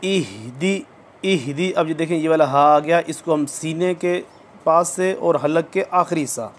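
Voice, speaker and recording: A man teaching tajweed, giving quick explanations between slow, drawn-out recitations. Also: a little high, a little hiss or hum. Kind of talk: tajweed lesson, explaining then reciting slowly.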